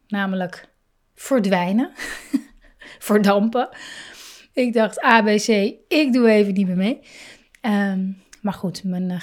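A woman giving a reflective talk on parenting and feelings, speaking slowly and thoughtfully with soft laughs and pauses. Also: medium pitch.

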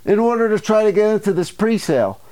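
A man with a smooth, resonant voice chats on a podcast. He rambles through stories and breaks into little acted asides along the way. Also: sits high, lively intonation, fast, a little mellow. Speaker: podcast co-host. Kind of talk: casual chat.

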